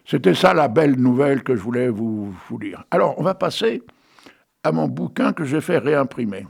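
Gravelly older man rambling chattily. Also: mid-range voice, expressive, moderate pace. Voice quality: gravelly, husky voice. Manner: chatty, digressive, ends phrases with "hein". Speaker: amateur writer reading his own text. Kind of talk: rambling monologue with a read-aloud absurd tale.

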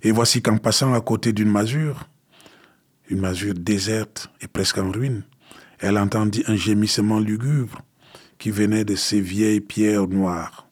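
A man reading a fairy tale aloud in a calm, unhurried way. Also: lowish voice, slightly rough. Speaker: storyteller.

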